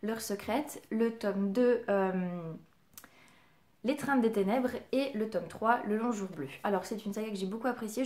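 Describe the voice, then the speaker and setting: A book vlogger chats casually through her book haul in a mid-range, darkish-toned voice. She's enthusiastic and giggly, her talk peppered with hesitations and little fillers.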